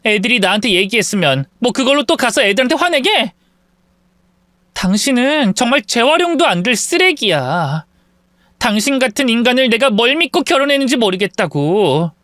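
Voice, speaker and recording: A man's voice: extremely high pitch, big pitch swings, normal speed, long pauses, fairly bright tone, no room sound, clean studio sound, pitched above the performer's own voice, heavily acted. A man voicing a furious, exhausted young wife and mother who scolds her husband, in a storytelling radio reading. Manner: indignant, scolding.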